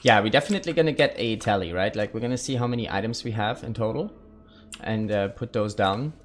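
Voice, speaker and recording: A man's voice: on the low side, quick pace. A man live-streaming a survival game, thinking aloud and chatting casually with his viewers.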